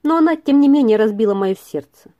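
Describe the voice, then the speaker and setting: A woman reading aloud and voicing a gentle young man who speaks earnestly and with trembling feeling. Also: fairly high pitch, lively intonation, fairly quick, muffled recording, lightly acted. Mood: heartbroken. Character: gentle young male tutor in love.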